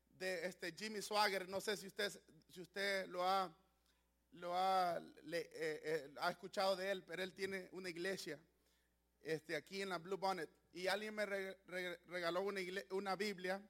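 A man preaching a sermon, who shifts from halting, self-correcting talk to loud shouted exclamations. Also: high voice. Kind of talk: Pentecostal-style sermon.

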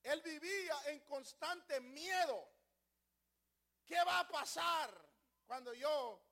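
High, bright-voiced older preacher. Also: male voice, gravelly. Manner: swings from shouting to hushed asides, acts out voices. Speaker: pastor. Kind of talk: sermon.

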